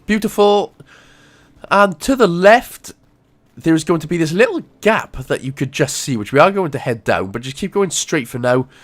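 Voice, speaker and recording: Man, game walkthrough commentary, ill with a cough, jokey, animated, wide-ranging pitch. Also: normal speed. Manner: jokey, animated, self-mocking asides. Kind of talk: casual gameplay commentary.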